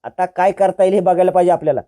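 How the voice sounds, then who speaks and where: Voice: mid-range voice, racing, dark tone, lightly acted. A narrator doing a scheming villain man.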